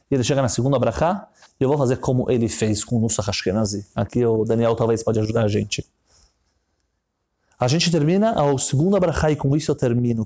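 A man preaching a sermon as a story, building his voice up to high emotional peaks and dropping low again, sometimes chanting short prayer lines. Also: mellow.

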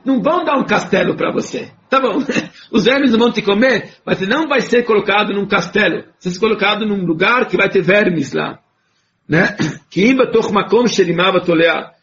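A man's voice: sits high, fairly quick, fairly bright tone. A man giving a religious lesson, reading lines of text aloud and then explaining them with rhetorical questions and little chuckles. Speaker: religious teacher. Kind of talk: Torah lesson, reading Hebrew and explaining in Portuguese. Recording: dull lo-fi recording.

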